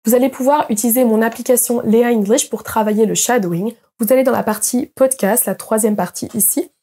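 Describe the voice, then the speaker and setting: A young woman giving an online pronunciation lesson as an English teacher, explaining patiently and slowly modeling example words. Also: fairly high pitch, mellow, slightly rough.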